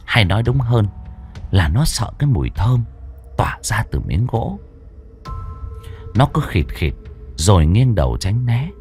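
A man narrating a village horror story in a dramatic reading style, slowing down for suspense. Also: lowish voice, very animated, darkish tone, faint music behind. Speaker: audiobook narrator.

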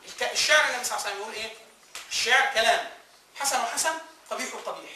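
An extremely high-pitched, bright, forceful voice belongs to a man with an Egyptian Arabic accent giving a rapid-fire classroom lecture. He quizzes the class and answers his own questions, recorded from afar in an echoey room with slight background noise.

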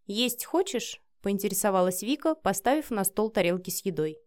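A woman reading a novel chapter aloud in a steady, expressive narrating voice. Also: mid-range voice, fast. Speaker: audiobook reader. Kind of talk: scripted story narration.

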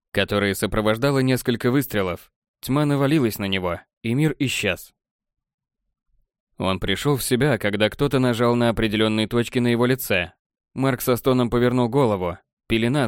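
A man narrating an audiobook in an even storytelling manner. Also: medium pitch, clear, resonant tone, dry recording, studio quality. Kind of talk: scripted narration.

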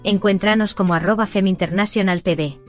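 A woman reads a scripted radio promo in a friendly, clear way with a medium-pitched voice. Faint music plays under her voice. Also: steady tone, fairly quick. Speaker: promo announcer.

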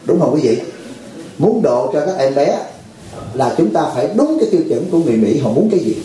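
A male monk gives a folksy talk in a very echoey hall. His voice is fairly high but dark and mellow. He keeps checking in with his listeners. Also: fairly quick. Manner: folksy, asks the crowd "phải không?" often; acts out dialogues with lively pitch jumps. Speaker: monk teaching a retreat. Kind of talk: dharma talk to a temple audience.

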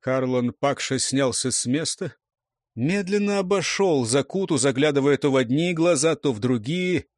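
A male audiobook narrator gives an expressive, dramatic reading at medium pitch and normal speed. The recording is dry and studio quality.

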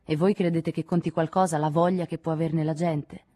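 An eager, insistent middle-aged man, always pressing his political cause in this audiobook scene, as a woman reads him. He comes across low and husky. The reading is dry and close. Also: steady tone, a little fast, dark tone, no echo. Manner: insistent, persuasive. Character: fervent middle-aged male political intellectual, teasing.

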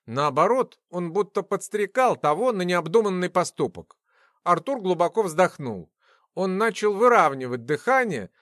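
A man reads a fantasy novel aloud with expressive, story-driven delivery. His voice sits fairly high and moves in a lively way through each sentence. The recording is close and completely dry. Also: no echo. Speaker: audiobook narrator. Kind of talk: scripted fantasy narration.

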